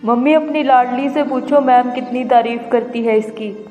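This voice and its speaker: Cartoon schoolboy, acted by a woman, defiant, cheeky, highish pitch, mellow tone, reverberant, music behind. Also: moderate pace, lightly acted. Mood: taunting. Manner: taunting, back-talking. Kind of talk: Hindi moral-story cartoon acting.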